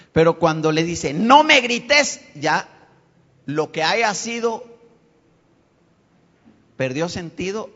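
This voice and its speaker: High-voiced pastor preaching in an echoing hall. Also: male voice, fairly bright tone. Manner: preacher addressing the congregation as brothers, rising to emphatic peaks. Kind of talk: sermon. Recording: dull lo-fi live stream with long hall reverb.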